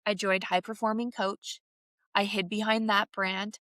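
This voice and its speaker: A woman from Canada with a bright, forceful voice tells a personal story on her podcast. She speaks in a candid, animated way. The sound is close and dry. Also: medium pitch, a little slow, no room sound. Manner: animated, vivid storyteller who acts out quoted voices. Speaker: podcast co-host.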